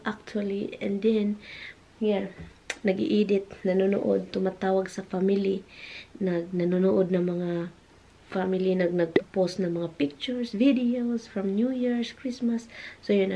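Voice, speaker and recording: A woman's voice: medium pitch, fairly even intonation, a little slow, gravelly, mellow, lo-fi sound. A Filipino woman with a Visayan accent, chatting casually to her viewers in a home vlog. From Philippines. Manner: chatty, mixes English and Filipino freely. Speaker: vlogger. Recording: noticeable background noise.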